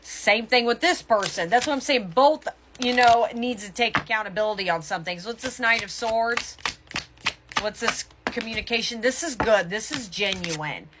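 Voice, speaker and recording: With a voice on the high side and background noise behind her, a tarot reader talks casually to viewers. Emphatic but halting, she keeps interrupting herself to correct her thoughts.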